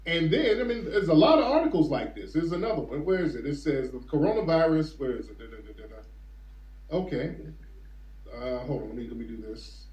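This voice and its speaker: A man's voice: a little high, lively intonation, a little fast, a little mellow, reverberant, poor audio. A man commenting casually on news headlines, reading them out and asking incredulous rhetorical questions.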